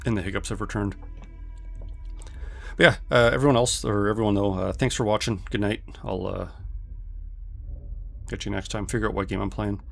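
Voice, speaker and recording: A man's voice: lowish voice, steady tone, a little fast, gravelly, long pauses, a bit bright, soft background music. A man streaming a game, chatting casually with viewers and thinking aloud with lots of fillers.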